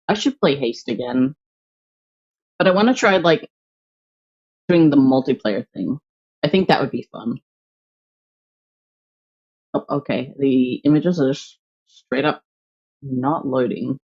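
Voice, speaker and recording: Young adult streamer, casual chat while drawing, rambling, lots of fillers, middle pitch, slightly muffled home mic. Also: slow, long pauses. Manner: rambling, filler-heavy, thinks aloud.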